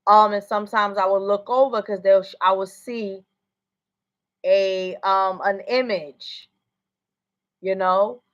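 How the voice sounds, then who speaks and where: Speaking slowly with long pauses, an American woman who works as a psychic medium gives a rambling, casual reading on a livestream, often asking "you know what I'm saying." Her voice is medium-pitched and steady in tone, and the audio sounds dull.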